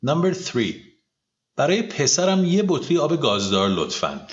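A man hosting an English lesson for Persian speakers, patiently repeating each word slowly so the learner can copy it. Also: on the high side, wildly swooping pitch, muffled recording. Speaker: English teacher, podcast host. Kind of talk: scripted language lesson, drilling vocabulary.

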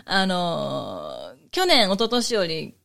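A woman's voice: lowish voice, wildly swooping pitch, extremely slow, vocal fry, fairly bright tone. A woman, a guest chatting casually and cheerfully in an interview, laughing often. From Osaka, raised in Kyoto.

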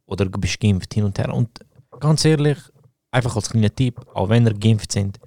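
A man's voice: lowish voice, normal speed, mellow, no room sound. Young Swiss German man, casual podcast co-host, fired-up slangy talker, dry close sound. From Switzerland. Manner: heated, slangy ranting with lots of bro and man. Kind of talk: casual chat.

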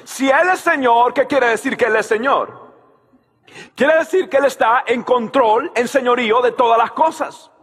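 A man preaching a sermon as pastor, telling a story and shouting out key lines while he asks the crowd to answer him. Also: very high voice, moderate pace, husky, big-room sound.

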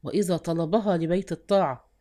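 A woman's voice: lowish voice, fast talker, warm tone, lightly acted. A woman voicing a stern male neighborhood chief who talks firmly and scolds, in an audiobook reading. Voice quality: firm, scolding.

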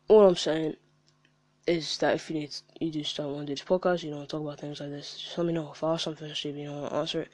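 A man's voice: a little high, little pitch movement, fast, no echo. A man hosting a casual interview, hesitant and encouraging, often stammering as he starts a sentence. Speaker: podcast host.

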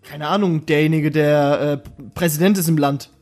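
A man's voice: fairly high pitch, steady tone, normal speed, darkish tone, soft background music. A man co-hosting a casual podcast, joking around, laughing often and spelling words out letter by letter. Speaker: podcast co-host. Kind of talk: casual chat.

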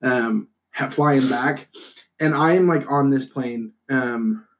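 Young adult man from Utah, podcast co-host. Casual, animated storyteller, mid-range voice. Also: mid-range voice, slow. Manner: animated storyteller who acts out other people's lines. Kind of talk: casual chat.

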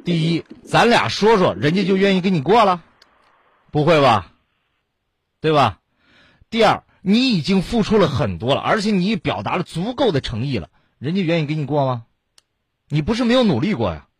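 Husky man giving blunt advice. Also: a little high, big pitch swings, moderate pace, dry recording, clean studio sound. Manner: blunt, lecturing, rhetorical questions. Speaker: radio advice host. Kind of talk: call-in advice talk.

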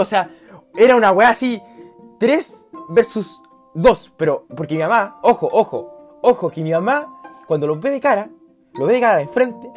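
A man with a Chilean accent telling a story in a casual, animated and slangy way, dropping to a hush and rising to shouts. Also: high voice. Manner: animated, slangy and profane, swinging from hushed to shouting.

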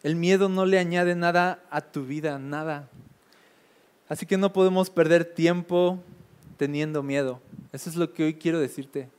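A man's voice: fairly high pitch, fairly even intonation, normal speed, a little mellow, clean tone. A man preaching a casual sermon, chatty with frequent filler tags and emphatic repetition.

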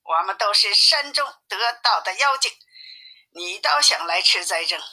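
A woman's voice: medium pitch, animated, unhurried, bright, forceful tone, exaggerated voice. A woman voicing a band of hungry male mountain demons in a storybook reading. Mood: mocking. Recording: tinny phone-like sound.

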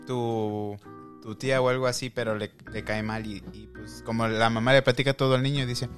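A man's voice: medium pitch, steady tone, moderate pace, faint music behind. A young man, co-hosting a casual podcast chat, teasing and opinionated. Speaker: podcast co-host.

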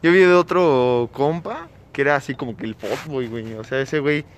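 A man's voice: medium pitch, normal speed. A young man with a Mexican Spanish accent in a casual chat among friends, telling stories in a laid-back, slangy way.

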